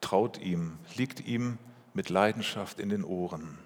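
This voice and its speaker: A man preaching a sermon as pastor, speaking in a measured way with rhetorical questions and repeated phrases. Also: sits low. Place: church. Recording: long reverb of a church hall.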